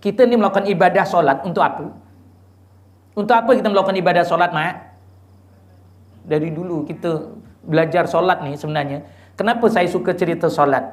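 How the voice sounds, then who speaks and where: A man preaching a lively, teasing religious lecture in a mosque, quizzing the audience and chanting Quranic verses. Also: on the high side. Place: mosque gathering.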